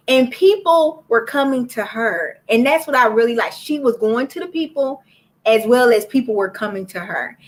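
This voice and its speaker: Woman, book club host, live stream, chatty, talks to viewers, fairly high voice. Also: fairly bright tone. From Florida. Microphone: laptop or phone for a live stream.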